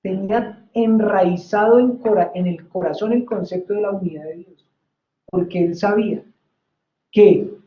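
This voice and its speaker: A Bible-study teacher leading a faith study, telling stories and often checking in with the class. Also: medium pitch. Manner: lively, asks "¿sí?" to check the class, tells stories. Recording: roomy, slightly dull recording.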